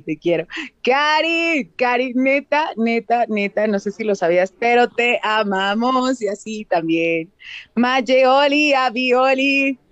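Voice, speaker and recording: A woman's voice: a little high, a bit bright, dry recording, muffled recording. Giggly Mexican woman reading chat greetings. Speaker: live stream co-host. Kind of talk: casual live-stream chat.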